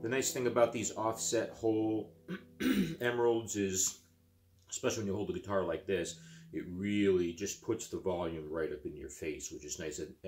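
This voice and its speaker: A man in his fifties, with a low, darkish voice, sits on a living-room couch and talks casually about his guitar while demonstrating it. He rambles with fillers and restarts, and acoustic guitar playing is heard.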